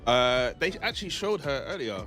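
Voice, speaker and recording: A man's voice: mid-range voice, big pitch swings, moderate pace, music in the background. A man hosting a co-stream, chatting in a laid-back way. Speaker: co-stream host. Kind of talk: casual chat.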